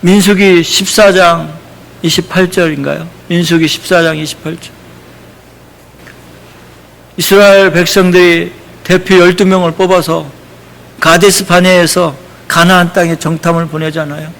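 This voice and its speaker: High-voiced preacher in an echoey church. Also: male voice, little pitch movement, normal speed, vocal fry, a bit bright. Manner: emphatic, conversational preaching with acted quotes. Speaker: pastor. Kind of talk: sermon. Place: church sanctuary.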